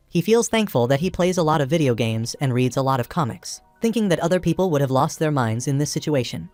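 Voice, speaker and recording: A man narrating a comic recap in a steady, even storytelling voice. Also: a little high, no echo. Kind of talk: scripted narration. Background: background music.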